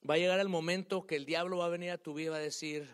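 A man preaching a sermon to his congregation, swinging between loud calls and quiet asides, dropping English words into his speech. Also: a little high, fairly even intonation, very fast, smooth. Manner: rises and drops in loudness, mixing English words in.

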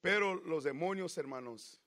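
Impassioned preacher man, bright voice. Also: moderate pace. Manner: impassioned, swings from loud outbursts to low murmurs. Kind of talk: sermon.

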